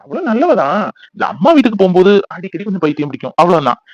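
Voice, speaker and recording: A man's voice: sits high, big pitch swings, very fast, darkish tone, no room sound, dull audio. A man voicing a young cartoon husband and father who teases his wife and uses baby talk with his daughter. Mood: teasing. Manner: playful, teasing, baby talk to the child.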